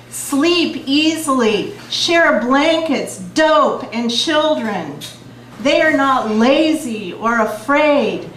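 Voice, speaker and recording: A woman reciting beat poetry at a live reading, in measured, deliberate phrases with pauses between the lines. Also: sits high, fairly bright tone. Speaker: poet reading at a poetry event. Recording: roomy, distant mic, faint noise.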